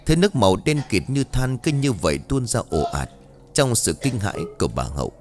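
A man narrating a scripted ghost story in a dramatic, expressive way. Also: mid-range voice, a little fast. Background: faint music.

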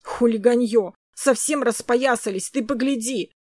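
A woman voicing an elderly neighbor, a shrill and scolding old woman. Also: measured pace, warm tone, no room sound, clean studio sound. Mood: indignant.

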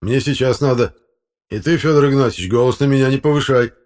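A man voicing a brash, tipsy older village electrician who talks back defiantly and shouts. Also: medium pitch, fast talker, pitched above the performer's own voice, lightly acted.

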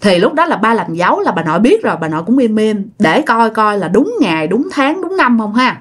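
A woman's voice: a little high, sing-song, fairly quick, breathy edge. Chatty Southern Vietnamese woman storyteller. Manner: chatty, addresses listeners directly. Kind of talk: casual ghost story telling.

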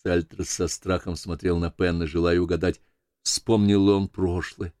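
A man narrating an audiobook in an even, measured reading voice. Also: low voice, no room sound, clean studio sound. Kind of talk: scripted narration.

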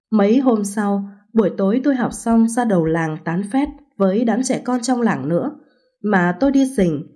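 A woman narrating a first-person story as an audiobook, in an even, unhurried way. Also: mid-range voice.

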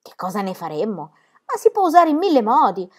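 A woman's voice: fairly high pitch, brisk. Pippi, as a woman reader puts her on. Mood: bold, cheery. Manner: lively, exclamatory, raised voice. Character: bold cheerful girl, boastful tall-tale teller.

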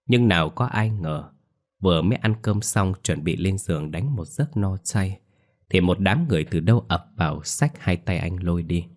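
Deep-voiced male storyteller for scripted ghost story narration, steady delivery. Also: normal speed.

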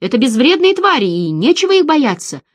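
A woman reading an audiobook, voicing a calm, patient man who reasons and lectures. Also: high-pitched, a little fast, no echo, studio quality. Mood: lecturing.

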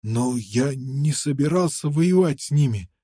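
A man's voice: medium pitch, lively intonation, a little slow, mellow, breathy edge, dry recording, clean studio sound. A man voicing a worn-out, toothless fur trader who stammers and pleads ingratiatingly in an audiobook. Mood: pleading.

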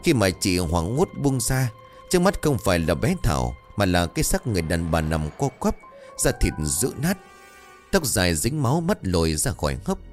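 A man narrating a horror story in a dramatic, expressive way. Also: sits low.

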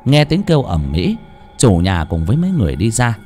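A man narrating a horror story in an expressive, dramatic way. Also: lowish voice, fairly quick, soft background music. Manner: expressive, swooping intonation. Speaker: audiobook narrator.

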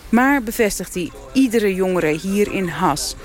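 A woman's voice: medium pitch, lively intonation, unhurried. A woman correspondent narrates a scripted radio report. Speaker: foreign correspondent.

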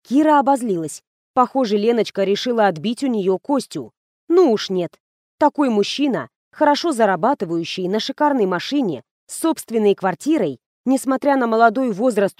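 A woman reads an audiobook aloud in a brisk, wry manner, with a fairly high voice. Close mic, with a dry sound. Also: lively intonation, darkish tone, no echo. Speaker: audiobook narrator. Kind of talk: audiobook narration.

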